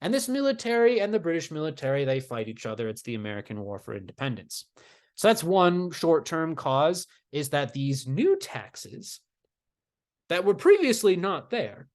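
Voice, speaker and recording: A man teaching history in a casual video lecture, conversational, with dry sarcastic asides. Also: on the high side.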